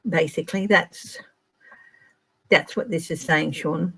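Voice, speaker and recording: A middle-aged Australian woman giving a gentle, chatty tarot reading on a live stream and addressing viewers by name. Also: deep voice, steady tone, slow, vocal fry, breathy edge, poor audio. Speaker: tarot reader.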